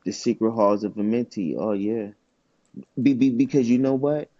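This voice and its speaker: A man co-hosting a podcast in loose, profane casual chat, his stories jumping up in pitch when he gets excited. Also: normal speed, no room sound, muffled recording. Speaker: podcast co-host.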